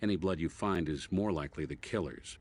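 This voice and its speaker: A methodical American medical examiner for a video game. His voice sits very deep. He explains things in a dry, matter-of-fact and instructive way. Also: fairly quick, slightly rough. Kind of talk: scripted video game dialogue.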